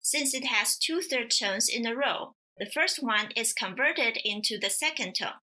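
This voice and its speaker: A woman gives a scripted pronunciation lesson at an unhurried, deliberate pace. Her voice sits a little high and sounds bright and clear. She shapes each word carefully, like a patient teacher. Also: animated. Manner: slow, careful, demonstrative delivery. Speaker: language teacher.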